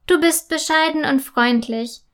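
A woman voicing a kind, gentle little Christmas angel girl in a children's story, in a soft, reassuring tone. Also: sits high, a little slow.

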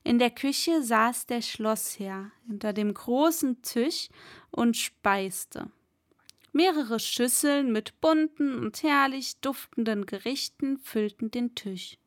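Slow-reading woman storyteller. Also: a little high. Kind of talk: read-aloud story narration.

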